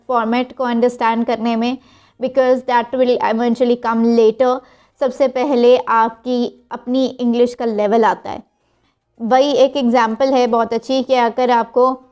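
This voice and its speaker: A woman's voice: a little high, darkish tone. A woman with a Pakistani accent teaching exam preparation, slipping between Urdu and English phrases with frequent fillers. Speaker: IELTS tutor. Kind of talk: teaching to camera.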